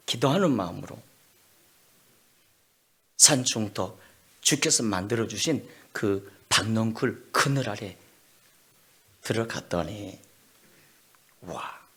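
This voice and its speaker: Dramatic male pastor with a husky voice. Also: lowish voice, lively intonation, slow pace, long pauses. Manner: dramatic storytelling, from hushed asides to loud bursts. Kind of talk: sermon.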